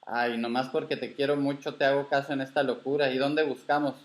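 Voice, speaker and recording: A man reading a story aloud and voicing an earnest young granddaughter who pleads in a slightly raised, slowed voice. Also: mid-range voice, level tone, pitched above the performer's own voice, lightly acted. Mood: pleading. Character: brave, worried young granddaughter on a ranch.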